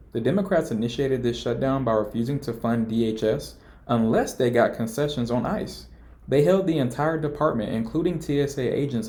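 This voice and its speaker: A man's voice: mid-range voice, darkish tone. A man narrating scripted political commentary in an indignant, emphatic, mocking way.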